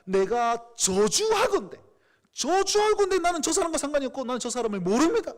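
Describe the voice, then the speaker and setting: A preacher acting out a hot-headed fisherman disciple who protests in blunt, exclamatory bursts. His pitch leaps and dips widely as he complains. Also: sing-song, quick pace. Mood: denying. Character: impulsive, indignant male fisherman disciple.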